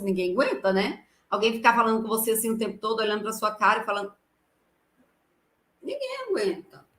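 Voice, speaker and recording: With no microphone, a Brazilian Portuguese-accented lawyer carries her fairly high voice across a room full of listeners as she gives a live lecture on public speaking. She shifts from loud to soft to stress her points, and the echoey recording catches her from afar.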